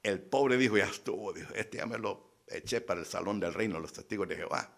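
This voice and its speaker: A man's voice: on the low side, quick pace, vocal fry, a bit bright. A man preaching, telling a story and acting out both sides of a conversation with teasing emphasis. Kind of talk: sermon.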